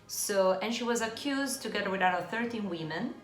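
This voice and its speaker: A woman co-hosting a chat show as an art historian, explaining at length with hesitant pauses. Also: medium pitch, animated. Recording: roomy room with faint music.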